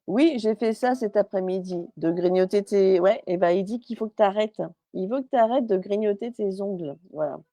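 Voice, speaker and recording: A woman's voice: mid-range voice, normal speed, dark tone, no echo. A woman medium on a live stream, chatty and hesitant, with many fillers and restarts, relaying messages as quoted speech.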